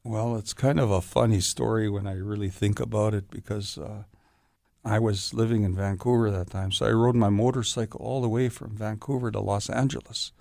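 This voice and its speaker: A man's voice: fairly low pitch, normal speed, vocal fry, no echo, clean studio sound. A man, an actor and stuntman, telling stories in a casual interview and acting out the voices of the people in them. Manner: animated storyteller acting out quoted voices.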